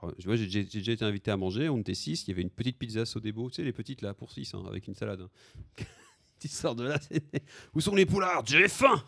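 A man's voice: fairly low pitch, rapid-fire, creaky, no room sound. A man hosting a casual podcast chat, laughing often and quoting film lines. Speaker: podcast host.

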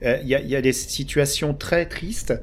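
A man's voice: medium pitch, moderate pace. A man hosting a casual podcast chat, talking in a hesitant way and stammering and repeating words often. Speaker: podcast host.

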